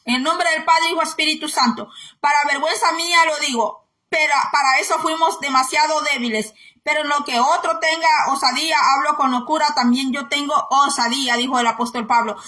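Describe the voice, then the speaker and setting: A woman's voice: sits high, steady tone, a little fast, bright, forceful tone, echoey room. A woman preaching a fervent sermon, repeating her words and mocking others in sing-song voices.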